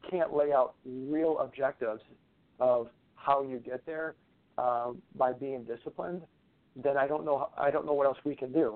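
A man guest on a talk show, speaking in a casual, rambling way and often repeating words as he explains his advice. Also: medium pitch. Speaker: guest, natural medicine practitioner. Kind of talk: conversational interview talk. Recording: tinny phone-like line.

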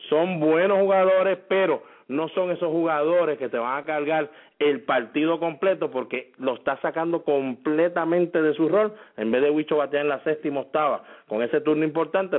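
A man hosting a sports podcast, setting up questions about player roles for his co-host. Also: fairly high pitch. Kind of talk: casual sports talk. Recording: tinny phone-like line.

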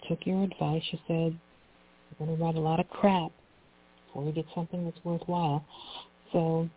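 A woman calling in to a radio show over a phone line, polite and gently hesitant, about to share a poem. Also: low-pitched, breathy edge. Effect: heard over a phone line into a radio show. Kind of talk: call-in chat, reading a poem.

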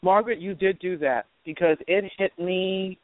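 Co-host: a man with a somewhat high voice, earnest and emotional, tinny lo-fi sound. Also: moderate pace, no room sound. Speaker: radio co-host. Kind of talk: interview chat.

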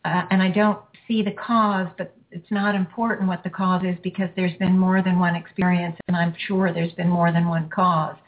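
A woman hosting a healing show, leading a caller through a release in slow, soothing, repetitive phrases. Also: fairly low pitch, flat delivery. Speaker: energy healing radio host. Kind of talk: guided healing session with a caller. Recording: phone-like lo-fi audio.

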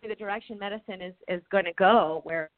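A woman's voice: medium pitch, fairly quick, no room sound. A woman physician talking earnestly as a guest in an interview, heard over a call whose audio keeps breaking up. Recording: tinny dry call line, breaking up.

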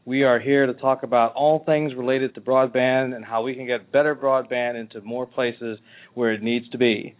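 A man hosting a talk radio interview in a halting, conversational way. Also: medium pitch, fairly even intonation. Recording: tinny phone-like internet radio line.

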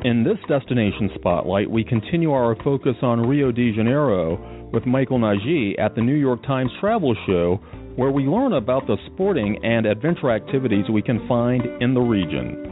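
A man's voice: mid-range voice, animated, normal speed. A man hosting a travel show, reading scripted segment introductions in an announcer-like way. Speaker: radio travel show host. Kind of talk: scripted narration. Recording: tinny lo-fi audio with music behind.

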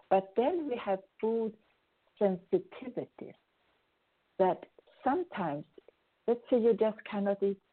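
Woman, host, earnest rambling advice, gravelly, phone-like sound. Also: medium pitch. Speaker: host answering listener questions. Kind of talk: spoken advice talk. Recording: tinny phone-like audio.

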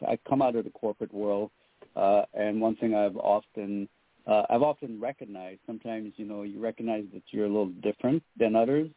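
A man's voice: fairly low pitch, no echo. Middle-aged man on a tinny phone line. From Trinidad and Tobago. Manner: earnest, spiritual, with many fillers. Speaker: guest. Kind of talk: radio interview.

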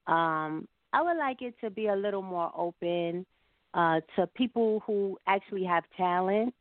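Speaking a little slowly in an expressive, medium-pitched voice, a woman talks about being a singer during a phone interview. Her answers are long, reflective and conversational, with no room sound on the narrow, phone-like audio.

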